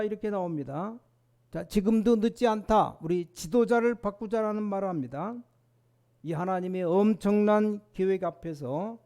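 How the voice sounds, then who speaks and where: A middle-aged male pastor delivers a sermon in a church, his voice pitched high for a man yet mellow and warm in tone. He keeps pressing his listeners with rhetorical questions and briefly acts out the grumbling voices of doubters.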